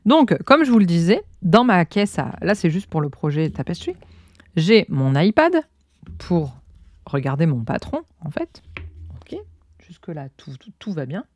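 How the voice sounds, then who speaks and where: A woman with a lowish, slightly mellow voice and big pitch swings chats at a measured pace on her podcast. She has a Cantal accent from Auvergne and rambles casually with many fillers as she crochets, speaking into her own close microphone with no echo.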